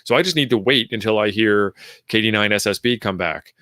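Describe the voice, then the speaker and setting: A man's voice: lowish voice, a little fast, bright, forceful tone, no echo, clean studio sound. A man co-hosting a ham radio livestream, explaining things casually and acting out on-air exchanges.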